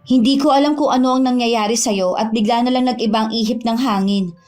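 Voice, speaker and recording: A woman's voice: on the high side, fairly quick, darkish tone, lightly acted. A woman playing a wary, hurt sister. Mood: reproachful. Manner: reproachful, caring. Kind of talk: audio drama acting. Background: music.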